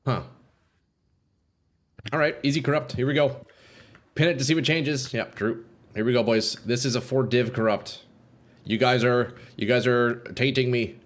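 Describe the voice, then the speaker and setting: A man's voice: mid-range voice, normal speed, pauses often. A young man live streaming a video game, chatting casually with his viewers in a slangy, sweary frat-bro manner.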